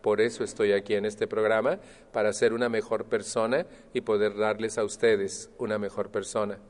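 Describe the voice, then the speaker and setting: A man speaking to a support group, animated and acting out others' voices. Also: fairly low pitch, moderate pace. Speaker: Al-Anon speaker. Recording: long hall reverb.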